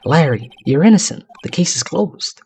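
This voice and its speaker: A man's voice: fairly high pitch, lively intonation, moderate pace, darkish tone, husky. A man voicing an earnest young male defense lawyer in a courtroom game, polite and upbeat.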